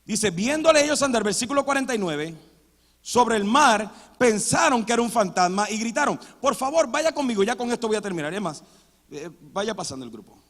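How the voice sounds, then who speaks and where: A man preaching a sermon in a church, with sudden loud dramatic outbursts. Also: high voice, very animated, fairly quick. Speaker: pastor. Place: church sanctuary. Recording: long church hall reverb.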